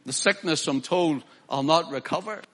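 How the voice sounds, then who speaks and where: A male preacher, his voice high and bright. He preaches emphatically, rising to loud declamations and dropping to soft, personal appeals. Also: normal speed. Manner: emphatic, swings from loud declaiming to quiet pleading. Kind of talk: sermon.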